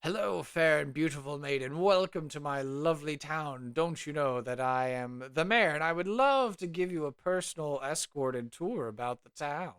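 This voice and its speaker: A man voicing a vain, self-important male town mayor who blusters and quickly flies into a rage, in a tabletop role-play game. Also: fairly high pitch, fairly bright tone, smooth, dry recording, clean studio sound, voice pushed up. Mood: pompous.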